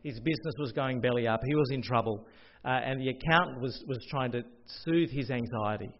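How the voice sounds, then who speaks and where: A man preaching a sermon as pastor, expressive and rising to loud proclamations. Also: medium pitch, fairly quick. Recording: dull lo-fi audio.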